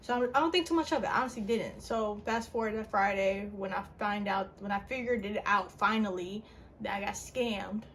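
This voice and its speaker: A young woman casually telling a personal story on her channel, her voice jumping up in pitch and full of "like" fillers. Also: a little fast, a little hiss or hum. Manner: animated, with big pitch jumps and frequent "like" fillers. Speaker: vlogger.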